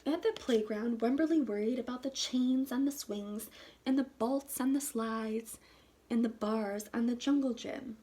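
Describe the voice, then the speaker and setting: A kindergarten teacher reads a children's storybook aloud with expression, using short phrases for young listeners and pausing to ask them questions. Her voice is a little high and mellow.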